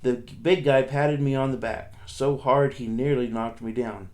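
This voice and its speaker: A man, a teacher, reading a novel aloud to his students in a steady, plain storytelling manner with small restarts. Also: mid-range voice, a little slow.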